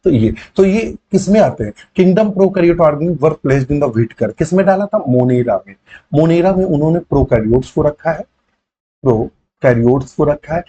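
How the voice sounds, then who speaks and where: A man teaching a biology exam-prep lecture, explaining terms slowly, repeating key words and pausing with fillers as he writes. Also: fairly high pitch, expressive, mellow, husky, dull audio. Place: online class setting.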